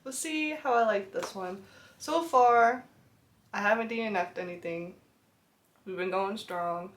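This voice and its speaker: A woman's voice: medium pitch, a little slow, roomy sound. A young woman talking casually to camera about a book, rambling and close to tears over how emotional it is. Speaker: book vlogger.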